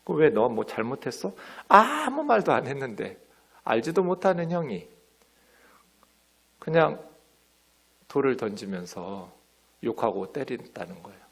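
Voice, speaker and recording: A middle-aged male pastor preaching a sermon in a church, lively, sometimes dropping to soft near-whispers. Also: mid-range voice, measured pace, creaky, pauses often, husky. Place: church sanctuary.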